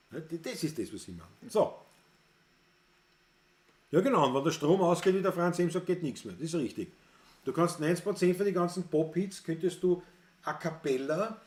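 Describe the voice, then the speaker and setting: A man with a Viennese accent and a slightly high, slightly mellow voice hosts a music livestream from an echoey room. He rambles and offers strong opinions, circles back on what he's said, and reads viewer comments aloud.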